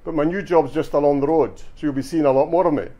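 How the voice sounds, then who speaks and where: At a bookshop event, a man voices a stocky, cheeky retired Glaswegian joker with a broad dialect, telling a boastful story. His pitch is pushed up fairly high, his intonation fairly even, his tone warm and his pace fast, with a light acted quality.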